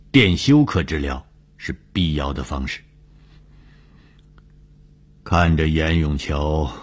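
A male storyteller with a very deep voice and husky texture tells a broadcast story. His delivery is measured and dramatic.

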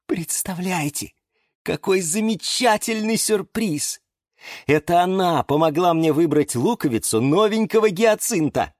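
A man's voice: high voice, animated, measured pace, dry recording, clean studio sound, voice pushed up. A man voicing a cheerful young man in love, beaming and sing-song, in a children's storybook.

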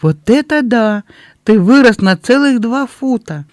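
A warm, easily moved young woman from a storybook, read aloud by a man. She speaks high and eager, with lively rises and a bright, emotional manner. The sound is dry and close. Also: unhurried, no room sound. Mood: tender.

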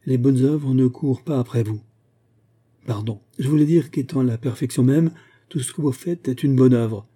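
A man's voice: mid-range voice, normal speed, warm tone, natural voice. A man voicing a proud, defiant young schoolgirl who speaks in a haughty, insistent way. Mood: urgent.

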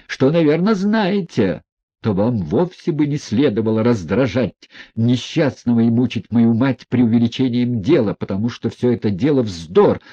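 A man voicing a bitter young man who snaps in shrill, seething outbursts. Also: warm tone, husky, no echo, muffled recording.

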